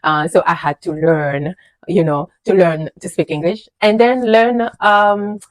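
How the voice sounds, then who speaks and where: Speaking casually to camera, this registered nurse in her thirties recounts her journey from a French-speaking country to the USA, French being her first language. Her delivery is lively and emphatic but full of fillers and repetition, at an even pace in a lowish voice. The audio is dry, with no room sound.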